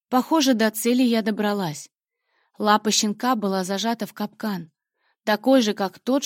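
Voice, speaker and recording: A woman narrating a first-person fantasy audiobook in an expressive storytelling manner with dramatic emphasis. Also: mid-range voice, dry recording, clean studio sound.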